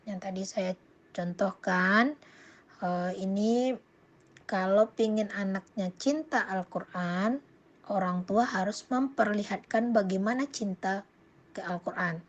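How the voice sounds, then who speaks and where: A woman giving an informal Islamic parenting talk and answering viewer questions. She hesitates often, with many fillers and self-corrections, and grows animated when voicing examples. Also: medium pitch, takes it slowly, highs cut off.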